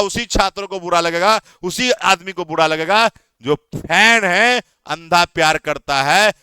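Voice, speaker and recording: A man's voice: high voice, sharp tone, clear, resonant tone, dry recording. A young man who teaches exam coaching, giving heated, repetitive warnings to students. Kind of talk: impassioned advice talk to students.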